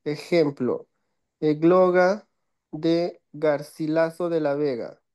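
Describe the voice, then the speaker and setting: Young male student, slow and mellow-toned, reads notes haltingly over his phone. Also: on the high side, clean tone. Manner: halting, stumbling, self-correcting. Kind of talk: reading notes aloud in class.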